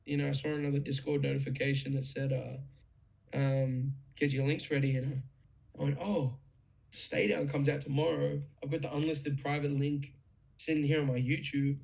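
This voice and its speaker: A young man telling a story in a casual chat, excited, swearing freely and full of fillers. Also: mid-range voice, normal speed, vocal fry. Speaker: guest musician.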